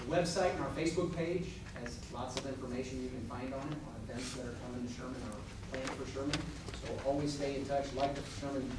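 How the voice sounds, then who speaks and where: An American man acting as board president, running a formal meeting in a procedural, matter-of-fact way. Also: medium pitch. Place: village board meeting room, indoors. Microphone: far camera from audience. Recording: distant mic, very echoey noisy meeting room.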